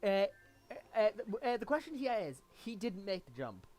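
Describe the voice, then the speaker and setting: A young man in a casual gaming chat, excitable, swearing often and stammering on restarts. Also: high voice, normal speed.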